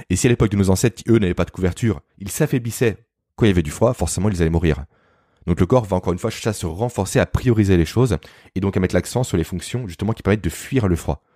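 Recorded dry with studio quality, a low-pitched, mellow-voiced man appears as a guest to explain health matters on a podcast. He speaks fast, in an instructive yet informal tone aimed straight at the listener.

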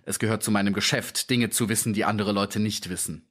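A man voicing a calm, clever detective who speaks in a friendly, measured, self-assured way. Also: fairly low pitch.

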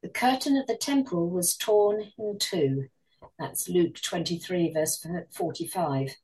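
Woman reading bible verses, steady and clear, mic a bit far off. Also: on the low side, measured pace. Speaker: scripture reader. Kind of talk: scripture reading.

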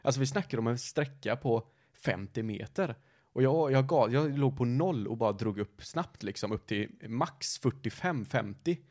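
A man's voice: medium pitch, expressive, a little mellow. Guy just chatting on a podcast, telling a long story, keeps restarting his sentences, normal mid voice. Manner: rambling, self-correcting, lots of fillers. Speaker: podcast host. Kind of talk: casual storytelling chat.

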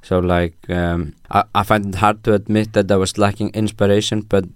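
A man's voice: on the low side, flat delivery, normal speed, clear, resonant tone, no echo, clean studio sound. A young Icelandic man whose first language is Icelandic, speaking as a musician guest in a casual interview, hesitant with many fillers and restarts.

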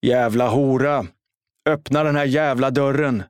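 A man voicing a violent, furious boyfriend who shouts curses through a door. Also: medium pitch, fairly even intonation, clear, resonant tone, dry recording, clean studio sound, pitched above the performer's own voice, lightly acted. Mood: raging. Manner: shouting, cursing.

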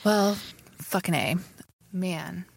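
A woman's voice: fairly low pitch, slow, creaky, no echo. A woman co-hosting a casual podcast, reading listener letters aloud with frequent laughs and blunt, swearing asides. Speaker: podcast co-host.

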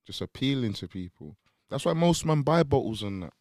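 A man's voice: mid-range voice, very animated, a little fast, a little mellow, no room sound, clean studio sound. A young man with a London accent chatting casually with friends, repeating himself and punctuating his slang with blood and you get me. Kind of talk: casual chat among friends.

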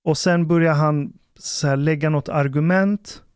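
Animated man with a smooth, bright voice. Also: fairly high pitch, no room sound, clean studio sound. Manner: animated storyteller acting out quotes. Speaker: podcast host. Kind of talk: casual storytelling chat.

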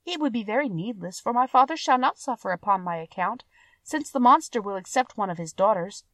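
A woman voicing a gentle, brave young daughter in a storybook, speaking calmly and earnestly. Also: mid-range voice, a little fast, no echo, pitched above the performer's own voice, lightly acted. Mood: resolved. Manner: calm, earnest and resolved.

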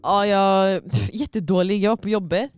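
Young woman telling lively stories on a podcast. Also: medium pitch, smooth, dry recording. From Tunisia. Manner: animated storyteller, acts out quoted dialogue. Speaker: podcast co-host. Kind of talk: casual chat.

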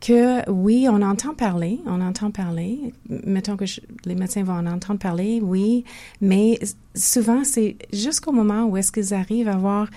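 Warm-toned older Québécoise explaining patiently. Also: female voice, mid-range voice, normal speed. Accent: Québécois French. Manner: thoughtful, many restarts and hesitations. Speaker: physiotherapist guest. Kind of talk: conversational interview.

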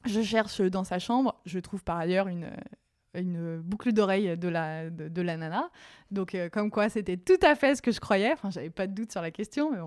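A woman's voice: no room sound, clean studio sound. A young woman telling a personal story in a casual way, full of fillers, her voice leaping up when she relives her anger. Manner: animated, many fillers, voice jumps high and loud when reliving anger.

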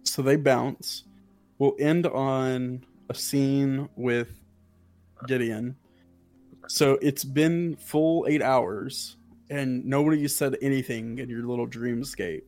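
A man with a medium-pitched voice runs a tabletop game as its game master. He narrates scenes and rules in an easy, casual style, with faint music playing behind him. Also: steady tone, takes it slowly, darkish tone.

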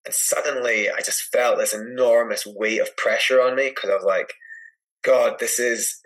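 A Scottish man from Edinburgh, a podcast guest chatting casually and telling a rambling, animated anecdote full of "like" and "you know". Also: medium pitch, moderate pace, poor audio. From Edinburgh, Scotland. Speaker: podcast guest, adventure climber. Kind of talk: casual storytelling in conversation.

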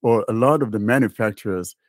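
A man's voice: fairly low pitch, a little fast, no room sound. Give me a plain-spoken man voicing his worries on a tech podcast, with a dry sound. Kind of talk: casual tech podcast chat.

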